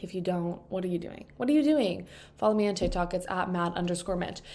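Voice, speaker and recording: A woman in her twenties, nasal from allergies, rambles through a casual solo podcast with many fillers, recorded on a microphone propped on a table indoors. Her lowish, darkish voice moves fairly quickly.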